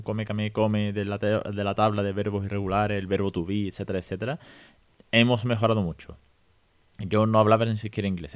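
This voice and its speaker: Chatty podcast host, low voice. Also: male voice, no echo. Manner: conversational, frequent "¿no?" tags, animated rhetorical asides. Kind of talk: casual podcast monologue.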